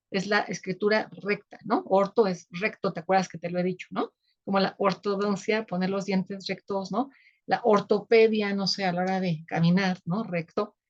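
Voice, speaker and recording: Teacher, female, Mexican accent, mid-pitched. Lectures patiently, keeps checking in with the student. Slightly muffled lo-fi audio. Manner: explanatory, constant tag questions to the student. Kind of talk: online sociolinguistics lecture.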